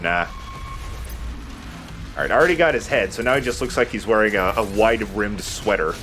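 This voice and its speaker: His voice is lowish, brisk and somewhat bright as he narrates a video game for a let's play. The commentary is offhand and dry-humored, full of informal language and a few mild swear words, and clear background noise runs underneath.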